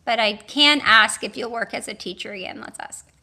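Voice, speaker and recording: High, bright-voiced woman in her forties. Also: gravelly. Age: 40s. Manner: chatty and musing, thinks aloud with restarts and drawn-out exclamations; addresses viewers warmly, with homely blessings. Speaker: tarot reader on a livestream. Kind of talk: casual livestream chat.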